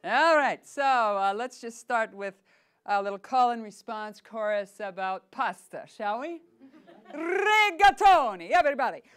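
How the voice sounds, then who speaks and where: A middle-aged woman leading a voice workshop, playful and lively, demonstrating sounds and asking her group questions. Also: mid-range voice, unhurried, clean tone. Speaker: voice workshop teacher. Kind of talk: workshop teaching.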